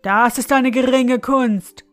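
A woman voicing a huge, proud male spirit from a bottle, who talks in a loud, haughty way. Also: takes it slowly, faint music behind. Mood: menacing. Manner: booming and haughty, later pleading.

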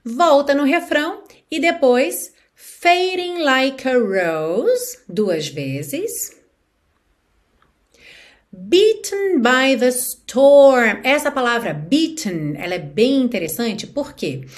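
A woman English teacher with a Brazilian Portuguese accent, explaining pronunciation patiently step by step and sounding out English words slowly and clearly. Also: high voice, sing-song. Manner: friendly, uses affectionate diminutives.

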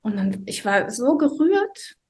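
A woman telling an emotional personal story as a mother in an interview, earnest and halting, often dropping to a hushed voice. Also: fairly high pitch, very animated.

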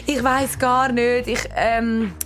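Swiss german young woman chatting on a podcast, bit high pitched, rambles and laughs a lot. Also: flat delivery, slow pace. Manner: rambling, laughs often, self-correcting. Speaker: podcast co-host. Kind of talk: casual chat. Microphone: podcast studio microphone.

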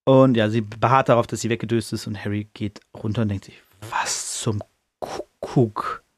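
A man's voice: fairly low pitch, steady tone, fast, no echo. A man hosting a podcast, retelling a book chapter casually in a chatty, slangy way with some swearing. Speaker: podcast host.

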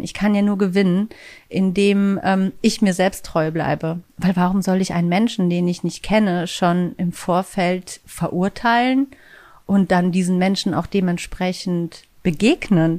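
A woman's voice: fairly low pitch, a little mellow. A woman talking in a casual, reflective monologue as a self-help podcast host, chatty, with many fillers and tag questions.

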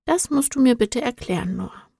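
A woman reading a storybook, voicing a curious, earnest young schoolgirl with a bright, eager way of asking questions. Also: fairly high pitch, expressive, normal speed, vocal fry, breathy edge, dry recording, clean studio sound, pitched above the performer's own voice, full character voice.

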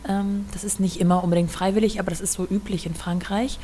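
A woman's voice: mid-range voice, little pitch movement, fast, dark tone, a little hiss or hum. A woman hosting a podcast, asking friendly, probing questions with occasional fillers. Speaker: podcast host. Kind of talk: conversational podcast interview.

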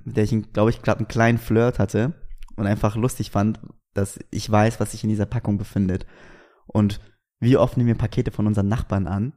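Young guy rambling slangy stories, lowish mellow voice. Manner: slangy, animated storytelling. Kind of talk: casual chat.

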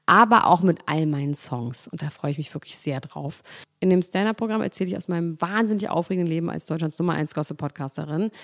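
A woman co-hosts a casual gossip podcast, talking in a giddy, animated and self-mocking way. Her voice sits slightly low for a woman. She jumps quickly between jokes and complaints. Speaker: podcast co-host.

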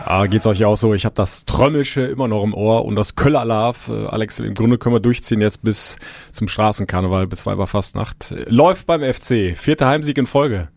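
Low-pitched man hosting a football podcast. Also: fairly quick, vocal fry, a little mellow, no room sound. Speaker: podcast host. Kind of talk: casual sports podcast chat.

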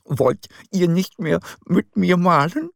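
A man voicing a busy, kindly male Easter hare in a children's audio story, with a lively, raised voice. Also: high voice, slow pace, vocal fry, no echo, studio quality, pitched above the performer's own voice, heavily acted. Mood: disappointed.

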